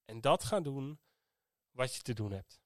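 A man's voice: medium pitch, expressive, a little slow, no echo, studio quality. A man hosting a podcast, telling a personal story in an earnest, reflective way. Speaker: podcast host.

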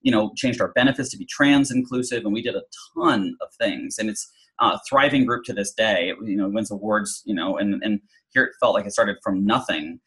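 A man's voice: fairly low pitch, fairly quick, fairly bright tone, rough recording. A middle-aged man telling a personal story in an interview, chatty, with many fillers and restarts. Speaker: guest.

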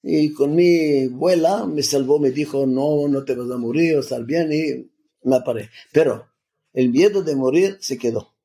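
Older man telling his story, halting. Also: fairly high pitch, dark tone. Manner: halting, restarts often, salty slang. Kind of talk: personal storytelling, casual.

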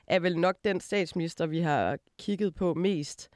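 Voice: medium pitch, darkish tone, slight background noise. Interviewer from West Jutland. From West Jutland, Denmark. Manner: probing questions, hesitant. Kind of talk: conversational interview.

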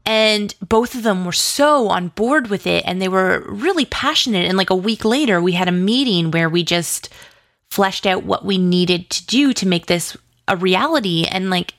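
This woman, a guest who co-creates and writes audio drama, speaks casually in an interview with informal, hesitant phrasing full of "like." Her mid-range voice has a fairly bright tone. The sound is clean studio audio with no echo.

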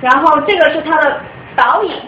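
High-voiced young woman lecturing in echoey room. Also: a little fast, bright, forceful tone. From China. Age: young adult. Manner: patient, explanatory, often restarts sentences. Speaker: guest music lecturer. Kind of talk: informal lecture explaining music theory. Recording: echoey room, dull lo-fi sound, faint noise.

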